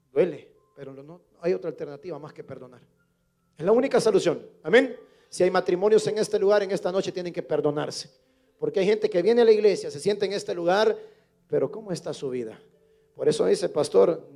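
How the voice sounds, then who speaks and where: A man's voice: sits high, vocal fry, warm tone. A male pastor preaching a sermon at a church service, often putting questions to the congregation.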